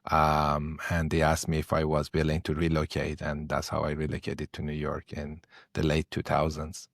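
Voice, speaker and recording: Middle-aged man from Iran, low voice, dry close sound, hesitant interview guest. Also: monotone, moderate pace, vocal fry, dry recording. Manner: hesitant, many fillers. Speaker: podcast guest, investor and professor. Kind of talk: interview answers.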